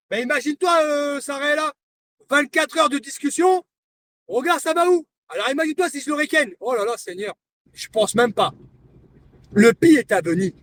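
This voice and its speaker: A man's voice: very high-pitched, fairly bright tone, far from the mic, slight background noise. A man livestreaming a heated, confrontational rant, taunting his target and repeating his points. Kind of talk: heated live-stream rant.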